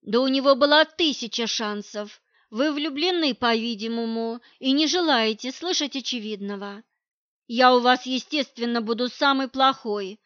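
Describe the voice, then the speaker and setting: A woman's voice: fairly high pitch, moderate pace, a bit bright, dry recording, lo-fi sound, natural voice. Woman reading as a cold, scornful wife. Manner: curt, dismissive, talks down. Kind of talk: audiobook reading.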